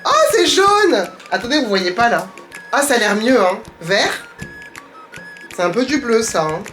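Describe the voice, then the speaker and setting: A young woman vlogging at home in a chatty, excitable way, exclaiming as she goes, recorded on a camera mic. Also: mid-range voice, moderate pace, faint music behind. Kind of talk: casual vlog chat. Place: at home, indoors.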